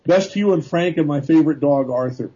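An American man hosts a live call-in show with a fairly high, slightly rough voice. He talks casually and haltingly, often searching for words. The radio sound is a little dull. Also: dark tone. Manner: hesitant, halting, apologetic.

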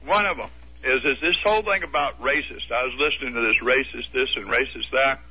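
On a call-in radio debate, a man phones in and argues his views earnestly and firmly. His mid-range voice is brisk with a breathy edge, heard through a dull lo-fi radio broadcast.

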